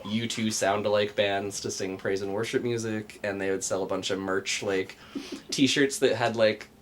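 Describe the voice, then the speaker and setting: A man's voice: lowish voice, steady tone, normal speed, a little hiss or hum. A man in his thirties hosting a live game stream in casual chat, joking, laughing often and muttering to himself while he plays. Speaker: host.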